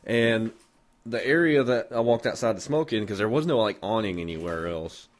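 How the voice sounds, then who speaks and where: A man with a fairly low voice tells a story on a casual podcast. He rambles, swears constantly and jokes along the way, in an easygoing, chatty manner. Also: normal speed. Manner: rambling, heavy swearing, loose and joking. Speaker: podcast host.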